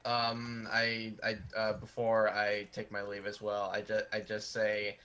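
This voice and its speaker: A man's voice: on the low side, completely flat delivery, measured pace, pushed and bright, clean tone. A man playing a tabletop game, hesitant with many ums, speaking in character now and then. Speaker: player. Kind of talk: casual game chat.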